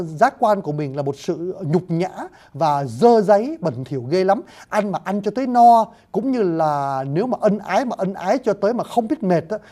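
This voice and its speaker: In a high, warm voice, a man gives a lecture on classical poetry, explaining it one word at a time. His talk is dotted with polite address to the listeners and hesitant fillers.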